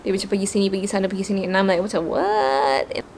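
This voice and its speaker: A woman's voice: medium pitch, racing, slight background noise. Chatty Malaysian woman mixing in Malay. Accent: Malaysian English. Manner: mixes Malay words into English, chatty and expressive. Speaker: book vlogger. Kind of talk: casual chat.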